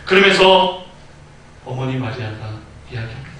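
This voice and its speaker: A man preaching a Sunday sermon as pastor, telling the story vividly and acting out quoted lines with sudden loud outbursts. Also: medium pitch, lively intonation, moderate pace, a little hiss or hum. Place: church sanctuary. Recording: very echoey hall, mic at a distance.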